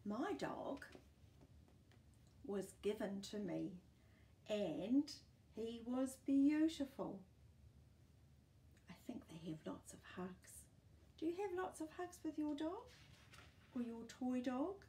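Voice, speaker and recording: Here the New Zealand storyteller in her sixties uses a fairly high, sing-song voice with a dark tone, reading slowly and leaving long pauses. She performs a picture book for small children indoors among shelves of books, adding friendly asides and questions. Some background noise can be heard.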